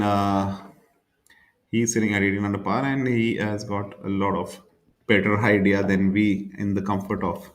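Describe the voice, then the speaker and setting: A man working as a golf commentator on a live tournament, talking in a measured, wordy, analytical way. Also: lowish voice, darkish tone. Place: indoor air-conditioned commentary room.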